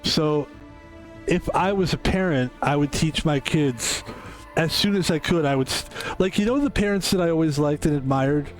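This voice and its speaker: Streaming a game, a man in his fifties chats casually, rambling, reflecting and correcting himself as he thinks out loud. His voice sits fairly high and moves at a moderate pace, with faint music in the background.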